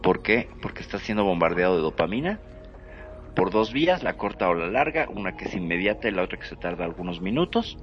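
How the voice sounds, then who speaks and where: A man's voice: deep voice, very animated, fairly quick, soft background music. A man hosting a casual conversation, explaining things in a reflective way with frequent fillers. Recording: slightly dull lo-fi audio.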